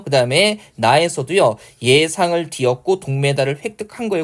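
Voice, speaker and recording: A man teaching as an exam prep instructor, walking through test questions and often checking in with the listener. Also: fairly high pitch. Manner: animated, frequent rhetorical checks with listeners. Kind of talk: lecture explaining test questions.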